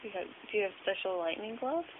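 A woman's voice: mid-range voice, lively intonation, quick pace. A woman chatting casually and playfully, asking short prompting questions and echoing answers back. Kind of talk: casual questioning of a sleep talker. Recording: noisy, hissy, tinny phone-like home recording.

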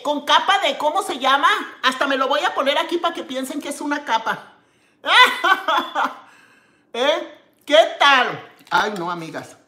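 A woman's voice: high-pitched, bright, forceful tone, echoey room. A woman from Mexico hosting a live cooking stream, tasting her dish with contented hums and greeting viewers by name. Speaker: cooking show host.

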